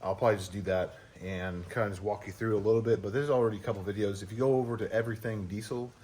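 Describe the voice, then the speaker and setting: A man vlogging his truck work outdoors, rambling casually with lots of fillers and throat clearing. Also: lowish voice, fairly even intonation, rapid-fire, darkish tone, a little hiss or hum. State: out of breath. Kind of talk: casual DIY vlog.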